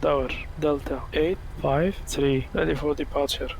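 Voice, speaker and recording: A man voicing a calm airline co-pilot in a flight simulator, giving clipped checklist and radio callouts that sound distant, like a cockpit headset feed. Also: fairly high pitch, moderate pace, gravelly, slight background noise. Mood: matter-of-fact. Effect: cockpit callouts played from the flight simulator, sounding distant like a headset feed.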